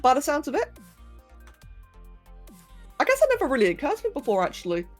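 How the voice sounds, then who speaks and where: Sculpting on a casual livestream, a young woman reads chat, welcomes viewers, and laughs while talking to her pets. She speaks a little fast with a high voice and huge pitch swings, soft music in the background.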